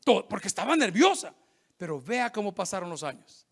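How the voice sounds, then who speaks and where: With a high pitch and a slightly quick pace, a middle-aged man preaches a sermon as a pastor. He jokes around, stays animated, and performs the voices of people he cites.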